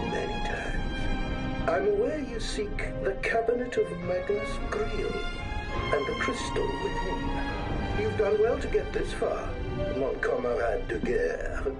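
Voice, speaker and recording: A man's voice: high-pitched, wildly swooping pitch, full character voice. A man voicing a sly, theatrical aristocratic collector whose message plays from an old phonograph cylinder in a video game. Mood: grandiose. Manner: grand, drawn-out theatrical speech. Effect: played back from an old phonograph cylinder. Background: music.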